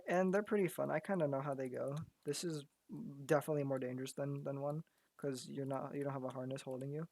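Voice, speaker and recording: A man's voice: medium pitch, steady tone, fast talker, a little mellow, dry recording. A man giving casual commentary while he works on a digital art piece. He thinks aloud and often repeats words, and his voice is going because he is losing it. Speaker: graphic artist.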